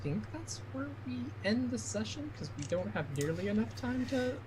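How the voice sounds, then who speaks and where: A man's voice: high-pitched, big pitch swings, moderate pace, background noise. A man running a tabletop game as game master, narrating scenes and explaining them to players.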